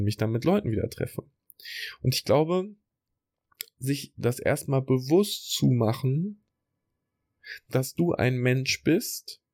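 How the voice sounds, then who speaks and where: A man hosting a podcast, giving a motivational talk straight to the listener and slowing down for guided reflection exercises. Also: mid-range voice, a little mellow, no echo, clean studio sound. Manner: direct, coaching, addresses listener as du. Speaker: podcast host and speaker. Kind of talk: motivational talk, rehearsing a keynote.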